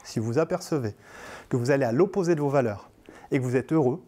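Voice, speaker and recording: A man's voice: mid-range voice, fast talker, mellow. A man from Marseille giving a coaching lecture, telling a story in a colloquial, joking way and acting out the dialogue. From Marseille, France. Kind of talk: lively storytelling talk. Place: conference room.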